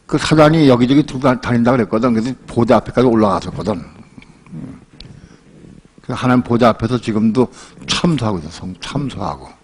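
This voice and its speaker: An older male pastor preaching a sermon in a relaxed, colloquial way, telling a personal story and acting out the voices in it. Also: medium pitch, brisk, slight background noise. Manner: colloquial storytelling, acts out quoted voices and laughs often.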